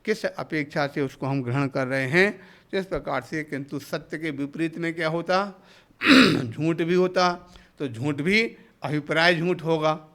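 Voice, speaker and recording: A man's voice: a little high, fairly bright tone. A man, a monk, giving a sermon into a microphone, explaining step by step, asking his listeners questions and acting out short everyday exchanges. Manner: explanatory, asks rhetorical questions; acts out short everyday dialogues. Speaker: Jain monk giving a discourse. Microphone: speaking into a hall microphone.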